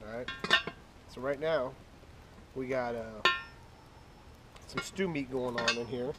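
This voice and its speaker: A man's voice: medium pitch, slow pace. A man talking casually and plainly as a cooking show host, explaining each step of a recipe in an informal, folksy way. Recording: clearly noisy background with clicks.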